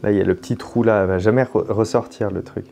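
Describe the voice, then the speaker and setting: A man's voice: on the low side, steady tone, fast talker, gravelly, warm tone, soft background music. A French man hosting a puzzle video, thinking aloud casually as he works, with jokes and mild swearing. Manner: casual, swears in surprise, jokey.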